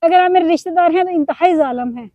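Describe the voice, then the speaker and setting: A woman's voice: very high voice, quick pace, dark tone, dry recording. A middle-aged woman, chatting to her viewers in a casual vlog with a sore throat, complaining and confiding. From Pakistan. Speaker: vlogger. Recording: dry, tinny phone-like audio.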